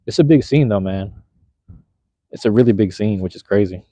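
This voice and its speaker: Mellow and lowish, a young man's voice moves at normal speed as he rambles through a laid-back, slangy live chat. He streams from a handheld phone in a park at night under cold drizzle. The lo-fi audio is slightly dull, with a little hiss or hum.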